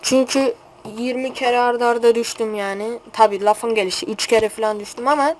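Hot-tempered young female gamer, high voice. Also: fairly quick, slight background noise. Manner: excitable, hot-tempered trash talk. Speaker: gaming channel host. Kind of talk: gameplay commentary.

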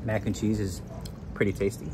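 A man's voice: fairly low pitch, normal speed. A man tasting food on camera, giving short casual verdicts while his mouth is partly full. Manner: relaxed, plain-spoken, short verdicts. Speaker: food vlogger. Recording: noisy background hiss.

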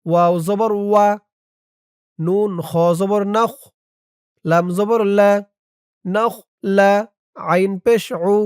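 A man with a Bangladeshi Bengali accent teaching a prayer in an Arabic lesson, spelling out each letter and vowel mark and then reciting the words slowly and drawn out. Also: high voice, steady tone, clear, resonant tone, no echo, clean studio sound. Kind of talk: slow syllable-by-syllable recitation lesson.

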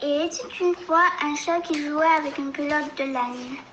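In a roomy recording with faint noise, a woman narrates a children's storybook. Her voice is very high and bright, and she takes her time. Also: unhurried, highs cut off.

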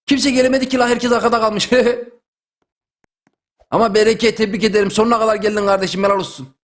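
A young man commentating his own gameplay with a very high voice. He gets excitable, bursts into loud exclamations and repeats his lines as he plays. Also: fast talker. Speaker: gaming video host.

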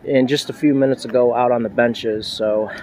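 A man in his thirties talks his way through an outdoor walking tour, chatty and pointing things out as he goes. His voice sits mid-pitch and stays fairly even, with little rise and fall. Faint street noise hangs behind the handheld phone recording. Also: normal speed. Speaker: vlogger. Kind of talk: casual walking tour narration. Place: outdoors at a town train station plaza.

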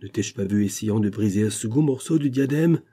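A man reading aloud plays an outraged middle-aged banker father who shouts accusations at his son. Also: fairly low pitch, a little fast, slightly rough.

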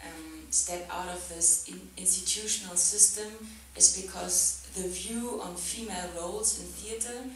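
At a festival, a German artist guest sits on a theatre-stage sofa before an audience and reflects casually on her work into a handheld mic, her lowish, slightly bright voice steady, measured and nearly pause-free. She's thoughtful, laughs often, and leans heavily on "like" and "um." Recorded far from the camera in a very echoey hall, the audio carries a little hiss or hum.

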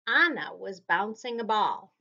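A woman teacher reads a storybook aloud to her students and explains their assignment in a patient, encouraging way. She speaks slowly, and her pitch moves in a lively way. The recording sounds slightly dull and lo-fi. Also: creaky. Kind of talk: reading a storybook aloud and giving instructions.

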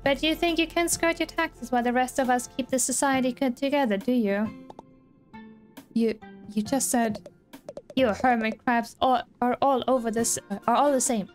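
A woman's voice: on the high side, steady tone, normal speed, faint music behind, pitched above the performer's own voice, lightly acted. Woman reading a sneering, lecturing soldier. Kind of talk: reading game dialogue aloud.

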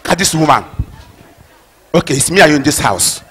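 Jobless husband, played by a man on stage; animated, high, long hall reverb. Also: fairly quick, breathy edge, exaggerated voice. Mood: domineering. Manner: begging, exclaiming, then domineering. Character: desperate jobless husband and father. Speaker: stage actor. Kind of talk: stage drama acting.

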